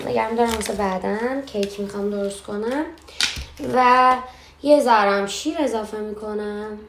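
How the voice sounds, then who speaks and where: A woman's voice: a little high, gravelly. Chatty young woman hosting a kitchen demo. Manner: chatty, explains step by step. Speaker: cooking show host. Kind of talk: casual cooking demonstration. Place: home kitchen. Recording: echoey kitchen, faint background noise.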